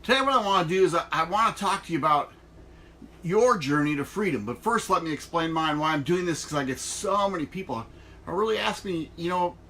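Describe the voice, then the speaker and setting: Bright-voiced middle-aged man vlogging from a trailer. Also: fairly high pitch, lively intonation, fairly quick. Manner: folksy, emphatic, conversational. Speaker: online network marketer. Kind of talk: casual motivational vlog monologue. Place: inside an RV trailer. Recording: noticeable background noise in a trailer.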